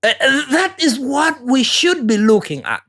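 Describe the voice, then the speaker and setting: Her voice high-pitched, animated, unhurried and fairly bright, a Ugandan-accented woman from Uganda preaches an earnest motivational monologue. She often repeats words while searching for the next one.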